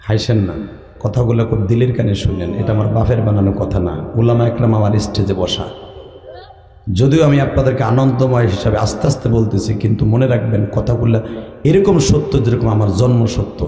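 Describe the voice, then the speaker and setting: A man preaching a humorous sermon at a large religious gathering, joking in colloquial speech and breaking into loud shouted chants. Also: fairly low pitch, normal speed. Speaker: Islamic preacher. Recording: echoey loudspeaker sound with long reverb and a crowd. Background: crowd of listeners.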